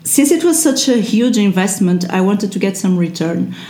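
Here a Portuguese SEO translator, a woman, talks casually in a podcast interview, her medium-pitched, warm voice very animated at a moderate pace. She fills her speech with fillers and restarts and laughs often, and the room is echoey.

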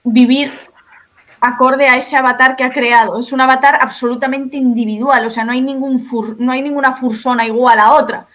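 The speaker is a woman with a Spain Spanish accent whose high-pitched, slightly bright voice stays fairly even at a normal speed. She's a video creator on a podcast, calmly explaining her points in sequence.

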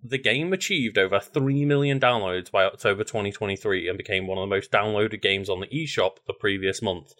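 A man co-hosting a podcast in a relaxed, rambling way, with a lowish voice. He fills his talk with "like" and swears casually. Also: brisk, hardly any pauses. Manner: rambling, many filler likes, relaxed swearing. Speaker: podcast co-host. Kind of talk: casual chat.

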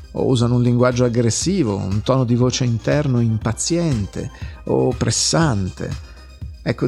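A man giving a calm, gentle, reflective guided talk as a self-help teacher, unhurried and softly prompting his listener. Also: medium pitch, creaky.

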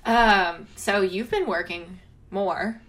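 Slow-paced and slightly bright in a mid-range voice, this young podcast co-host keeps the chat casual. She laughs a lot and leans heavily on "um" and "like."

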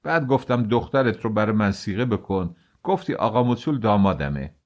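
A man's voice: fairly low pitch, expressive, natural voice. A man voicing a coarse, threatening male cart driver. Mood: mocking.

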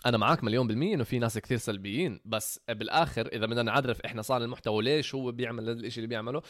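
A man hosting a casual chat, quick and animated, acting out quotes as he talks. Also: medium pitch, no echo, clean studio sound. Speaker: content creator hosting a conversation.

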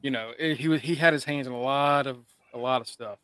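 A man's voice: mid-range voice, fairly quick, a bit bright, no echo, poor audio. A male podcast co-host talking in a casual, conversational style. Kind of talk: casual chat.

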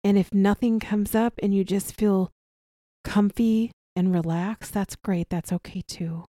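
Slow, mellow woman guiding gentle relaxation. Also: mid-range voice, steady tone, no echo, studio quality. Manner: soft, gentle, soothing delivery with long pauses. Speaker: guided meditation instructor. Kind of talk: guided somatic relaxation practice.

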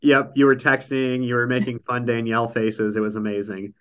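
A man's voice: medium pitch, completely flat delivery, fairly quick, fairly bright tone, clean tone, lo-fi sound. A man with a nasal voice, hosting a casual podcast chat over an online call, rambling through a recap with lots of ums and dry jokes. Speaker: podcast host recapping a reality show.

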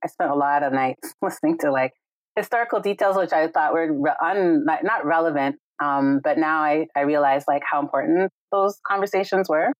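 Speaking at a moderate pace in a low voice, a Jamaican yoga and meditation teacher chats as a guest on a casual video call. Her warm, reflective talk is dotted with "right?" and "like", and the audio is dry and poor.

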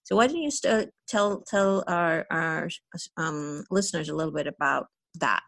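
A woman's voice: sits low, normal speed, vocal fry, a bit bright. A woman hosting a podcast, reading a scripted intro and then chatting with her guest in an upbeat, encouraging way. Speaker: podcast host. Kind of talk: scripted intro, then casual interview chat.

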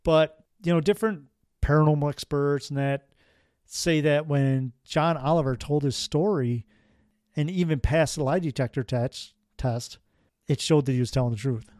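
A man's voice: fairly high pitch, moderate pace, darkish tone, dry recording, studio quality. A man hosting a podcast, telling a strange story in a casual, rambling way with wry asides. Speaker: podcast host.

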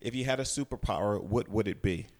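A man acting as guest host and interviewer in casual chat, prompting briskly like an announcer. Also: on the low side.

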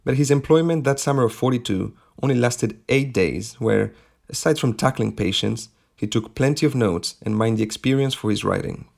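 Gravelly-voiced male podcast narrator. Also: mid-range voice, a little mellow. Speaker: podcast host, bookseller. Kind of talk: scripted narration.

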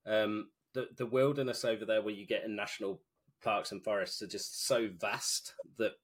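A man's voice: lowish voice, fairly even intonation, normal speed. A British man co-hosting casually, talking in an informal, joking way. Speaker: podcast co-host. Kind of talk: casual chat with reading aloud.

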